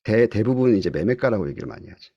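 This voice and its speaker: Animated man lecturing online. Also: fairly low pitch, fast talker, gravelly, no room sound, dull audio. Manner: questions the class often, swings between loud and soft. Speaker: real estate lecturer. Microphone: computer mic on a video call.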